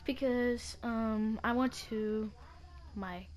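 A woman's voice: on the high side, steady tone, slow, darkish tone. A woman role-playing in a video game, goofy and bossy, calling out orders to the group.

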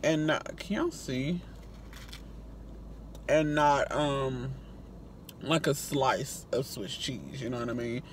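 A woman's voice: a bass voice, takes it slowly, long pauses. A woman hosts a casual food review vlog and talks to her viewers in a chatty, friendly way. She records from inside a vehicle. A faint hum of road noise sits in the background. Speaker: food reviewer and channel host.

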